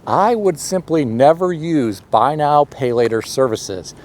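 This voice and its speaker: A middle-aged man hosting a personal finance channel, reading scripted commentary in a measured, opinionated way with touches of sarcasm. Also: fairly high pitch, lively intonation, a little mellow. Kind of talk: scripted commentary read aloud.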